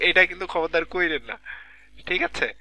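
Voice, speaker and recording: A man's voice: high voice, moderate pace, bright, forceful tone, dry recording. A man teaching a live online class from a computer mic, explaining step by step and checking in with students often, with a Bangladeshi Bengali accent. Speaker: lecturer.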